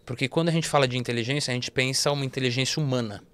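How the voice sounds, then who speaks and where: Brazilian male podcast guest, average pitch, animated and explanatory, stumbles and restarts often. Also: racing, clear, resonant tone. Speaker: investment firm partner, guest. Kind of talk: casual podcast interview.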